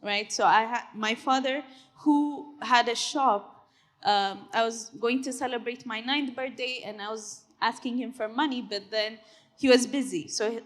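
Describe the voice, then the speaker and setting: Speaking a little slowly in a high-ish, fairly bright voice, a twenty-something Ethiopian woman who runs a tech company addresses a conference hall. Her talk is earnest and chatty, peppered with fillers and tag questions.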